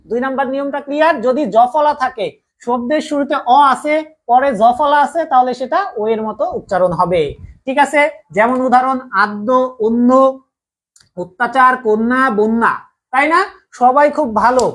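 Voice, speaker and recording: A young man with a Bangladeshi Bengali accent teaches an online grammar class in an extremely high-pitched, fairly bright voice. He repeats each point in a drilling style and keeps asking whether everyone has understood.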